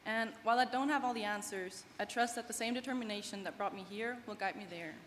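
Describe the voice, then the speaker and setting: With a fairly high, somewhat bright voice and a fast delivery, a young German woman in her twenties, a non-native English speaker, reads her heartfelt student speech at a graduation. It's a prepared commencement talk given in a large event hall, captured with long hall reverb and faint background noise.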